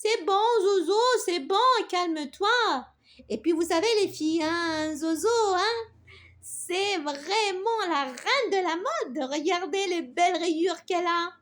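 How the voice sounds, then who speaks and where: A woman voicing a cheerful, playful butterfly in a children's storybook, gently teasing and calming others. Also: extremely high pitch. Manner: slow, laughing, gently teasing.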